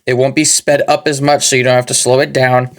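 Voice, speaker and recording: A man talking casually through a toy-building walkthrough, rambling and swearing now and then, with a slightly gravelly voice. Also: medium pitch, flat delivery, brisk. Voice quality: a little gravelly. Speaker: hobby toy-building channel host. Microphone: plugged-in microphone.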